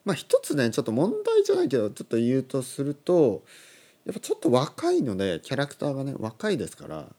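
A man in his thirties teaching on a casual podcast, animated, chuckling, and correcting his own phrasing aloud. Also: mid-range voice, quick pace. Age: 30s. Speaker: Japanese language teacher, podcast host.

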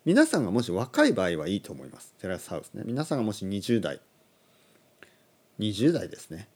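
A man in his thirties teaching on a casual podcast, animated, chuckling, and correcting his own phrasing aloud. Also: on the low side, a little fast, breathy edge. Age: 30s. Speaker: Japanese language teacher, podcast host.

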